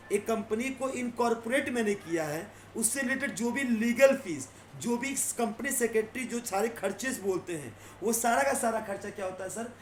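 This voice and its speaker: A man with a fairly high voice teaching accounts for exams, with a faint hum of ambience behind him. He reads each definition out slowly and carefully, then rattles through the explanation in everyday speech. He keeps addressing his students directly as beta and sir. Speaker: commerce teacher. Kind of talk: exam-prep accounts lesson.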